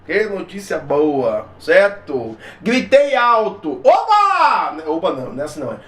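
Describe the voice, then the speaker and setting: Brazilian male teacher, high bright voice, theatrical exam-prep delivery, echoey room. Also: huge pitch swings, a little slow. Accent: Brazilian Portuguese. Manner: theatrical, shouting exclamations, chatty asides. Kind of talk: animated exam-prep grammar lesson.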